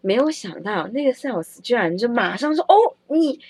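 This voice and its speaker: A woman with a cold casually telling a funny story in a vlog. She is animated and laughs often. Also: on the high side, fairly quick, breathy edge, no room sound. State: has a cold. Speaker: vlogger.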